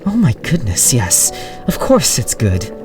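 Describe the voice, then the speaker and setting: A man voicing a nervous middle-aged mother who talks in a frightened, hurried, placating way. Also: medium pitch, wildly swooping pitch, voice pushed up. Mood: anxious. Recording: distant mic with soft music.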